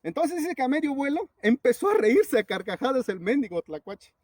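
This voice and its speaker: A man with a Mexican Spanish accent, a native Zapotec speaker, tells a folk tale. His voice sits high for a man, and he talks in a relaxed, conversational way. It is recorded close and dry. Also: a little fast, no room sound. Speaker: teacher and storyteller.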